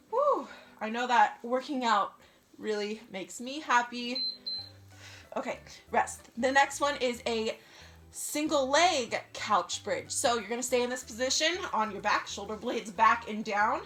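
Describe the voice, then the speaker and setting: A young aerobics instructor who hosts her own channel cues a home workout from her living room, encouraging viewers while exercising. Her pitch is fairly high and her tone fairly bright, and she speaks a little slowly. The camera sits on the floor a few feet away, picking up a roomy sound and faint background music.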